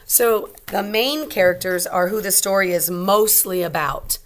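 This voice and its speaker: With a mid-range voice, a woman teacher gives an expressive storybook reading for young children, pausing to explain and ask simple questions.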